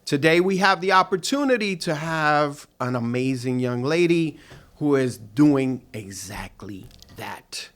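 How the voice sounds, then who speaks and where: A man's voice: fairly high pitch, lively intonation, measured pace, fairly bright tone. A man hosting an interview podcast, welcoming and upbeat as he asks his guest questions. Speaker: podcast host.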